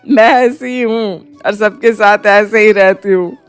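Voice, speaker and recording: A woman voicing a kind-hearted middle-aged mother-in-law in a cartoon story, gentle and affectionate as she scolds. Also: medium pitch, fairly even intonation, takes it slowly, smooth, dry recording, faint music behind, lightly acted. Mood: coaxing. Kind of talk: cartoon voice acting.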